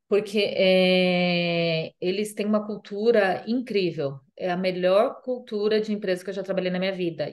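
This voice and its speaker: Speaking in a low-leaning voice, this woman from Brazil is a casual interview guest with a Brazilian Portuguese accent. She leans heavily on fillers and keeps repeating phrases.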